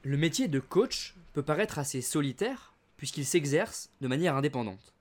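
A man hosts a podcast and reads out his interview questions. His voice sits a little high, and he keeps an even, measured, scripted delivery.

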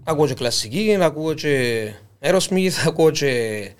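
Cypriot Greek man, talkative and halting. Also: on the high side, animated, clean tone. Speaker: interview guest, musician. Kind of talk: casual conversation.

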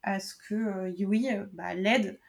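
A woman's voice: medium pitch, steady tone, unhurried, vocal fry. Woman co-host recapping with many fillers. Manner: hesitant, lots of fillers. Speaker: podcast co-host. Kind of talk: casual podcast recap.

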